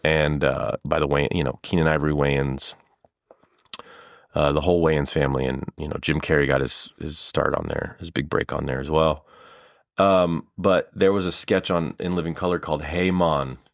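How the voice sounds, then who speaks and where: Deep-voiced dude in his 30s rambling on a podcast, super dry close sound. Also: fairly even intonation, normal speed, dry recording. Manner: rambling, long-winded, casual swearing. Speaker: improviser and guest. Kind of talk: casual podcast chat.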